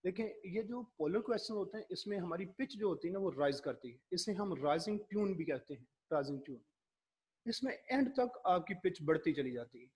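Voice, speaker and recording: A man giving a classroom lecture, explaining slowly and acting out his examples. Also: high voice, animated, a little mellow, slightly rough.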